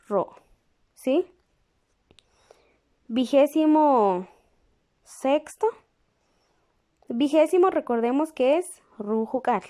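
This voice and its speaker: A woman teaches with a high, mellow voice and an unhurried pace. She repeats each word carefully and keeps stopping to check that her students are following. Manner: patient, repeats each word slowly for copying; checks in with the class through questions. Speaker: language teacher. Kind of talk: slow classroom lesson, writing while explaining.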